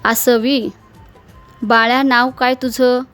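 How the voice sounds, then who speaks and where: A wry, questioning market clerk, a middle-aged man who talks in rustic speech, voiced by a woman narrating a story. His voice sits a touch high, and faint music plays underneath. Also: little pitch movement, slow, fairly bright tone, clean tone.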